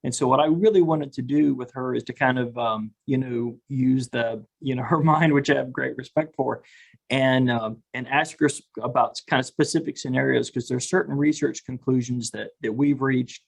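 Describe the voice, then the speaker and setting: A man's voice: medium pitch, normal speed, gravelly, breathy edge, poor audio. A man hosting a webinar over a video call, talking casually with lots of "you know" and "kind of". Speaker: webinar host. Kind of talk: webinar interview.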